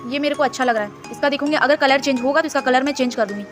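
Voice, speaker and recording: A woman's voice: sits high, racing, faint music behind. A woman hosting a screen-recorded design tutorial, chatty and instructive, mixing English words into her Hindi.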